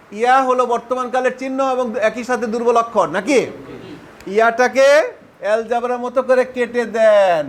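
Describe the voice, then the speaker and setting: High-voiced male teacher drilling verb forms. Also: a little hiss or hum. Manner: repetitive chanting drills, questioning students. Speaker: Arabic grammar teacher.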